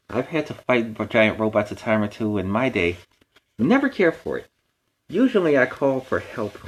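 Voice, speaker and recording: A man playing friendly Spider-Man, very animated storyteller. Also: lowish voice, lightly acted. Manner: kid-friendly, explains words and gives advice. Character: friendly young superhero Spider-Man reading to children. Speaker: children's storytime host. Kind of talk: animated storybook reading with chatty asides.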